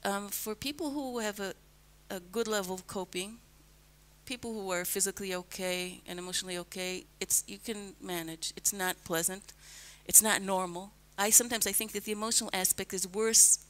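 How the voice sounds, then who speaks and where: A radio interview with an older American woman, a guest who is a resident, finds her answering in a calm, measured and earnest way. She speaks into a headset mic in a broadcast booth with a mid-range voice.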